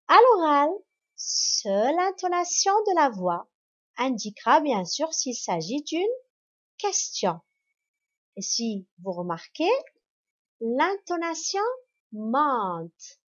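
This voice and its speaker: Female schoolteacher, very unhurried and high-pitched, patient encouraging classroom read. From Morocco. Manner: slow, spelled-out, encouraging classroom delivery. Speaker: primary school teacher. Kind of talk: grammar lesson for children. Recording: dull lo-fi recording.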